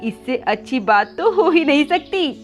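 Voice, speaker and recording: A scheming crow wife from a cartoon story barks orders and brushes everyone off. Her voice sits high and lurches up and down. A woman puts her on over faint music. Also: lively intonation, measured pace. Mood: gloating. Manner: harsh, bossy and dismissive. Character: scheming greedy female crow, sister-in-law.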